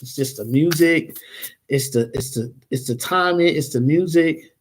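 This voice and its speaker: A woman's voice: sits low, measured pace, slight background noise. A woman in her forties, a tarot reader chatting casually and rambling to her livestream viewers. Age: 40s.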